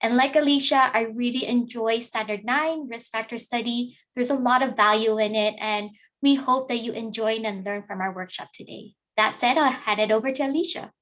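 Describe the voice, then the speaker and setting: Woman co-presenter from Guam, slightly high voice, friendly and polite, on a video call. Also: moderate pace, few pauses, fairly bright tone, rough recording. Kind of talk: online workshop introduction.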